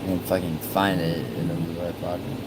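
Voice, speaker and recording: A man's voice: low voice, little pitch movement, brisk, very noisy. A man hosting a casual livestream, chatting with viewers and swearing often as he rambles and trails off mid-sentence. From born in Italy, raised in New York. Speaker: livestream host. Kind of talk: casual livestream chat, reading viewer messages.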